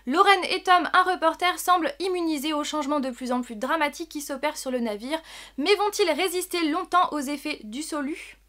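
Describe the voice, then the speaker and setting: Bright high-voiced excited woman. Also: fairly quick. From France. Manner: enthusiastic, repeats words for emphasis. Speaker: book vlogger. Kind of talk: casual book review vlog.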